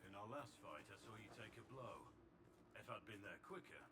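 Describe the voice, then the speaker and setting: Actor voicing an earnest game hero, low voice. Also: male voice, lively intonation, brisk, background noise, lightly acted. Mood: concerned. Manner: earnest, polite, concerned. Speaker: game character.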